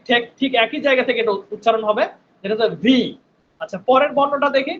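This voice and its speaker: A man's very high, slightly bright voice comes over headphones on a video call, the sound lo-fi with slight background noise. As he teaches spoken English online, he stays patient, goes over sounds slowly and repeatedly, and often asks "right?"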